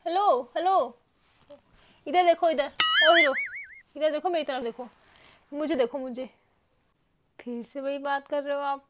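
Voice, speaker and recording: High-voiced woman pleading and scolding. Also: steady tone, unhurried, long pauses, very noisy. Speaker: wife being pranked. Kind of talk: casual home vlog.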